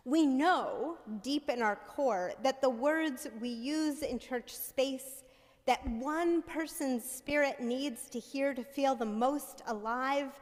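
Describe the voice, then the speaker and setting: Slow high-voiced woman preaching at a pulpit mic. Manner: measured and conversational, asking the congregation "right?". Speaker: minister. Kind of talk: sermon. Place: church sanctuary. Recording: long reverb of a church hall.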